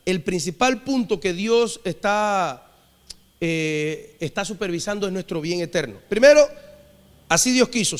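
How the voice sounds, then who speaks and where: A man's voice: high voice, clear, resonant tone. A man preaching a sermon, leading the congregation in repeated call-and-response phrases. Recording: long hall reverb.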